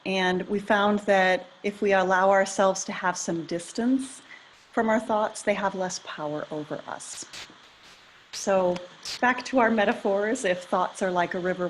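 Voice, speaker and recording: A middle-aged woman leading a guided meditation, talking in a calm, gentle, measured way. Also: fairly low pitch, a little hiss or hum. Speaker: meditation leader.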